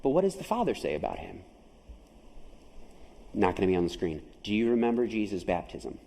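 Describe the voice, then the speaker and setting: A man's voice: fairly low pitch, sing-song, fairly quick, warm tone, big-room sound, rough recording. A man preaching a sermon as pastor, emphatic, often asking his listeners questions. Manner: emphatic, asks the audience questions. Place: chapel.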